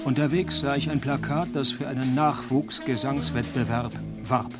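An actor playing a cynical, wisecracking private detective in a noir parody radio drama, with dry deadpan delivery. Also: male voice, medium pitch, moderate pace, over loud music, lightly acted. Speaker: narrator and lead actor of a detective radio play.

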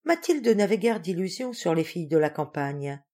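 Low-voiced woman reading an audiobook. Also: big pitch swings, moderate pace, warm tone. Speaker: audiobook reader. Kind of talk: scripted audiobook narration.

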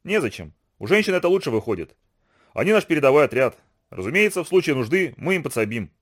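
A man's voice: a little high, big pitch swings. A man reading a jovial, joking father. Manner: jovial, unhurried. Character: cheerful easygoing father, joking.

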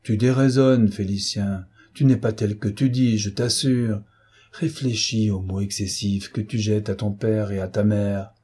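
A man's voice: lowish voice, steady tone, measured pace, a little mellow, breathy edge. A man doing a stern, indignant father. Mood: defensive. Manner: indignant, curt. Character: stern, wounded bourgeois father.

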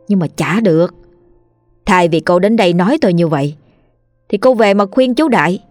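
A woman's voice: lowish voice, a little mellow, natural voice. A woman voicing a smug, taunting middle-aged mistress in a narrated ghost story. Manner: mocking, taunting.

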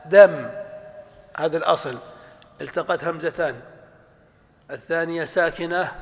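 Arabic lecturer in an echoing hall. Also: male voice, on the high side. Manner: asks the class questions and answers them himself. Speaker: professor. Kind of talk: classroom lecture on Arabic morphology.

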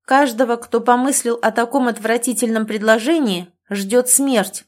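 A woman reading the part of a furious, defiant young woman who shouts and snarls threats. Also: a little high, fairly even intonation, normal speed, voice pushed up, natural voice.

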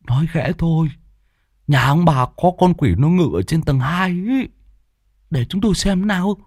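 A man voicing a brisk, teasing old male exorcist, chiding and joking. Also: on the high side, expressive, a little mellow, no room sound, studio quality, pitched above the performer's own voice. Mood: hushed.

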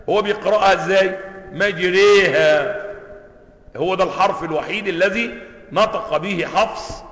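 A man's voice: high voice, fairly bright tone. An Egyptian man, a sheikh teaching Quranic sciences, who explains points, asks his class questions and repeats words to show how they are pronounced. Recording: echoey hall, long reverb.

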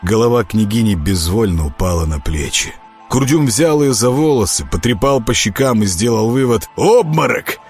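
Man narrating an audiobook, lively up and down delivery. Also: on the low side, moderate pace, slightly rough, soft background music. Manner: expressive, varied reading.

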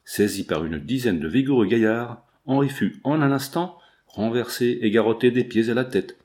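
A man reading a classic adventure novel aloud as an audiobook narrator, measured and even. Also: medium pitch. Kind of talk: scripted narration.

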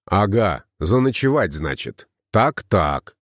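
A man's voice: low-pitched, big pitch swings, slow pace, fairly bright tone, no echo, studio quality, full character voice. A man reading an audiobook, voicing a burly, bullying village headman who blusters and threatens. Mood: mocking.

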